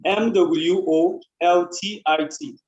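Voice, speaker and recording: A male lawyer speaks formally and deferentially, his voice sitting a little high. He comes through a bad remote connection, muffled and dull like cheap call audio. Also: fairly even intonation, takes it slowly, a little mellow. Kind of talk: formal court appearance. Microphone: video call.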